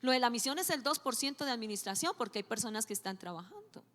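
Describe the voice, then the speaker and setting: A woman's voice: fairly high pitch, quick pace. Woman pastor preaching in a reverberant hall. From Colombia. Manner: animated storytelling, acting out dialogue. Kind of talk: sermon. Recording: long hall reverb with faint music.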